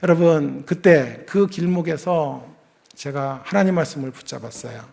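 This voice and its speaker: A middle-aged man from South Korea preaching at a revival meeting, telling a family story and acting out its dialogue, moving from hushed to loud. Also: on the high side, moderate pace, vocal fry. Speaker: pastor. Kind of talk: revival sermon.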